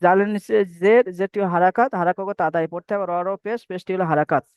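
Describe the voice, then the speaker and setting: A man's voice: high voice, very fast, clear, resonant tone, no echo. A man teaching Quran recitation rules in a patient, repetitive way and having students recite after him. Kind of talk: online tajweed lesson. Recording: dry, dull lo-fi mic.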